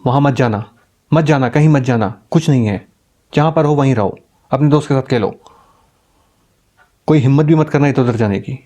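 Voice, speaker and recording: A frantic father begs his son to stay put, his voice urgent and pleading. A man acts him out as the storyteller. The tone stays warm and mellow despite the alarm. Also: mid-range voice, moderate pace, pauses often, close to an everyday voice. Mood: stern.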